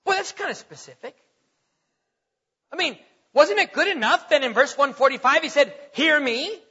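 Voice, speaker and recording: A man preaching a sermon and reading scripture aloud, stretching his words and swinging from loud emphasis to quiet asides. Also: very high voice, expressive, normal speed. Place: church sanctuary. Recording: reverberant hall, dull lo-fi sound.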